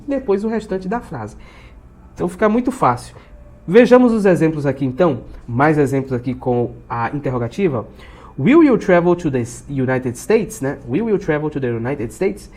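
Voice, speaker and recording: A man with a Brazilian Portuguese accent explaining a grammar lesson as an English teacher, repeating example sentences slowly and deliberately and often tagging his sentences with questioning fillers. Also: a little high, a little mellow.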